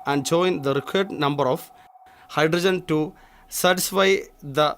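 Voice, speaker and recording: An actor with a Malayali English accent playing an impatient, contemptuous chemistry lecturer who rushes through his lecture in a monotone and snaps at students. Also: high-pitched, clear, resonant tone, full character voice. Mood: lecturing. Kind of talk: short film acting.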